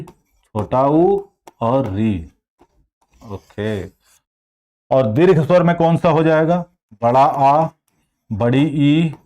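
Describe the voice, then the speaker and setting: Teacher guy, slightly high voice, asks the class stuff then answers it himself, patient. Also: a little mellow. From India. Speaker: Hindi teacher. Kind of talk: online exam-prep class.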